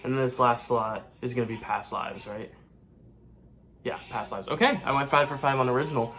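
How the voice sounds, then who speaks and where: A man with a mid-pitched voice gives live reaction commentary as a movie channel host. He is excitable, answering each moment in short, clipped remarks. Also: normal speed.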